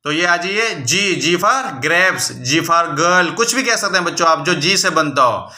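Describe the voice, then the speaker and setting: A man teaching English letters to young children, patient and repetitive, slowing down to spell out each letter at the board. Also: fairly high pitch, animated, bright, forceful tone, roomy sound. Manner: patient, repeats "ठीक है बच्चों" often, slows to spell out letters. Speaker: primary school English teacher. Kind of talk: classroom lesson for young children. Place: classroom with a board.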